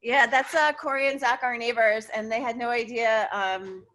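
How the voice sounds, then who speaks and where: A woman's voice: on the high side, fairly even intonation, moderate pace, roomy sound. A woman chatting casually in the middle of a workout. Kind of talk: casual chat during a workout. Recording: loud music behind the voice. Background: loud workout music.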